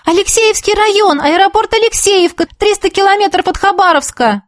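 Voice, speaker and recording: A woman reading aloud and voicing an eager, impulsive young female ballet student who talks in a high, urgent, breathless way. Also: normal speed, no room sound, studio quality, close to an everyday voice. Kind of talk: audiobook character reading.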